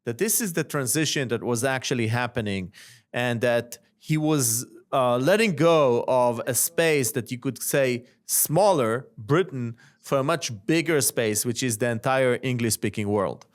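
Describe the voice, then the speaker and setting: Male host putting careful questions to guests. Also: mid-range voice. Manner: measured questions with small fillers. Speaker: podcast host. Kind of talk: interviewing guests.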